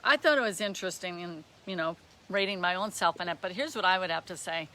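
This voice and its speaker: Woman business mentor, chatty live-stream coach, crisp bright tone, greets viewers by name. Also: fairly low pitch, quick pace. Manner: counts items aloud under her breath.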